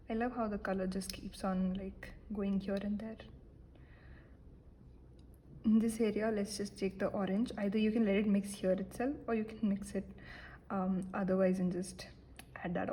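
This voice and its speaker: A young woman giving a relaxed painting lesson, chatty and self-deprecating, with many fillers and soft whispered asides. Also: medium pitch, a little hiss or hum, rough recording. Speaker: art teacher. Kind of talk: casual painting tutorial.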